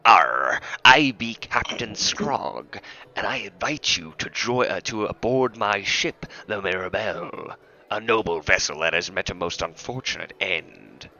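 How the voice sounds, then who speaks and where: A man voicing a gruff middle-aged male pirate in a cheap costume, growling his lines. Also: on the low side, animated, measured pace, sharp tone, full character voice. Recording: muffled lo-fi audio, faint music.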